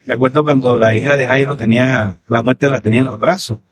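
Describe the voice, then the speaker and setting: A man with a Colombian accent preaching a sermon in church as pastor, swinging sharply in pitch and loudness and tossing rhetorical questions to the congregation. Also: steady tone, fast.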